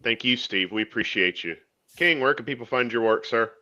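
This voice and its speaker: A man hosts a talk show over a video call, with a bright, forceful voice. He talks in a relaxed, chatty way and drops in fillers. The audio is dry and a little dull. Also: medium pitch, brisk, dry recording. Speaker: show host. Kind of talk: casual talk show hosting.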